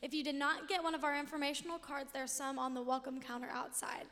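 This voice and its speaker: Quick, high-voiced young woman. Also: flat delivery, a bit bright, in a large hall. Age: young adult. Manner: upbeat, brisk. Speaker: student group leader. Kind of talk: group introduction. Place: church sanctuary.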